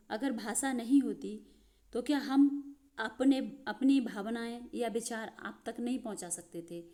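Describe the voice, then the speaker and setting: Woman teacher, warm and mellow, patient step-by-step explainer. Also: sits high. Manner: explains step by step, addresses viewers as friends. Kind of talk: Hindi grammar lesson.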